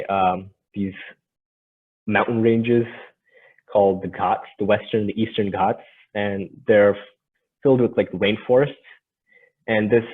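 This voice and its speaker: Guy doing a casual presentation, kinda halting, raspy voice, sounds like a tinny phone. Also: lowish voice. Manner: hesitant, halting delivery. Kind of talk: informal slide presentation. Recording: tinny, phone-like narrow band.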